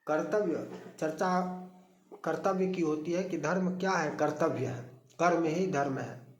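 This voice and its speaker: A man gives an unhurried discourse on scripture, explaining verses by posing questions and answering them himself. His voice sits a little high, and he talks very slowly. The room around him carries a clear echo. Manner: slow, explains by asking and answering his own questions, recites Sanskrit verses. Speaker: religious teacher.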